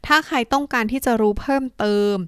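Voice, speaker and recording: A woman with a Thai accent teaching an English lesson, saying model sentences slowly and deliberately and adding quick asides. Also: high voice, a bit bright, no echo, clean studio sound.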